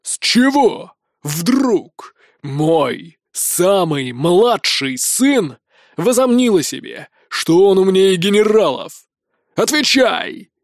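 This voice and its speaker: A man voicing a booming, wrathful king. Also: expressive, normal speed, no echo, studio quality, natural voice. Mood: furious. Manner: booming, shouting and scolding. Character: wrathful middle-aged male king, domineering father. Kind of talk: audiobook character voice.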